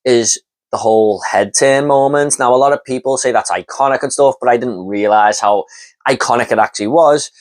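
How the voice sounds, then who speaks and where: A man giving a casual, enthusiastic spoken review of horror films, rambling with lots of fillers and repeating words as he starts a thought. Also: mid-range voice. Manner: enthusiastic, rambling, with many fillers like "you know" and "and everything".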